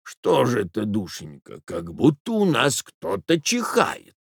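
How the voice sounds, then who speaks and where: A man voicing a frail, fussy old husband who mumbles slowly and coughs. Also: mid-range voice, wildly swooping pitch, creaky, husky, no room sound, studio quality, exaggerated voice.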